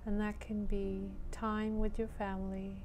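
A woman leading a guided meditation in a soothing, gentle manner, leaving long pauses between short phrases. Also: mid-range voice, flat delivery, a little hiss or hum.

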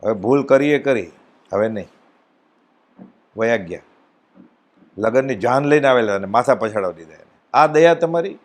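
Animated man giving a devotional discourse. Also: moderate pace, long pauses. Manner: animated storytelling, acts out dialogue with swings in pitch and loudness. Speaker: spiritual speaker at a satsang.

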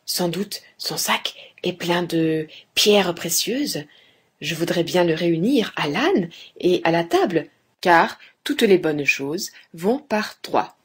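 Storybook innkeeper, greedy male thief, put on by a woman narrator; whispery scheming, breathy. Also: expressive, takes it slowly, full character voice. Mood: scheming whisper. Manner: whispering greedily, then shrill pleading.

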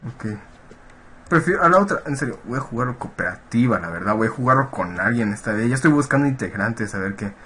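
A man's voice: medium pitch, lively intonation, fast, fairly bright tone, slight background noise. A man with a Mexican accent commentating a horror game at his computer, jittery and swearing, yelping when startled. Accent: Mexican Spanish. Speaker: gaming video creator. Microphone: webcam and computer mic.

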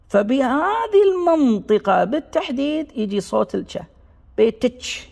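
Gravelly Gulf Arabic man teaching. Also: extremely high pitch, a little mellow, long reverb tail. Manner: demonstrates sounds by repeating them slowly; sketches a diagram while explaining. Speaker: dialect linguistics teacher. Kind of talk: explanatory lesson.

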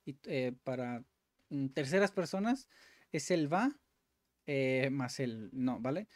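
A man's voice: mid-range voice, expressive, slow, no room sound. A man who hosts a language-learning video, thinking aloud and correcting himself as he works through exercises. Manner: thinking aloud, self-correcting, frequent "vale?" and "ok". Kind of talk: casual commentary while doing language exercises.

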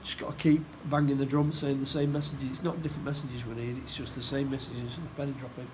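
Halting middle-aged man, football manager. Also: medium pitch, level tone, background noise. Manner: halting, repeats words, plain-spoken. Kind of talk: post-match interview. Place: indoor room by a stadium door.

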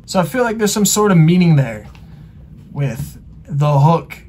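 A man hosting a reaction channel, casually explaining song lyrics in a relaxed way full of fillers. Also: a little high, measured pace, breathy edge. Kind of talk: casual music reaction commentary.

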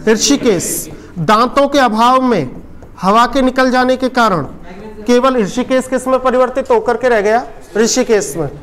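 A man teaching a coaching class, quizzing students again and again and answering his own questions. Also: very high voice. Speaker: Hindi teacher. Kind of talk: classroom lecture with call-and-response drilling.

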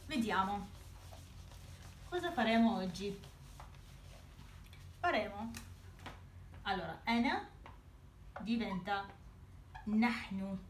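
A woman teaches a language lesson very slowly, pausing after every word and going over each form again. Her voice sits in an ordinary middle pitch. It is heard from a few steps away in a roomy space with a faint hiss. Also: far from the mic. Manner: repeats each word slowly, spells out sounds. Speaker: Arabic teacher.

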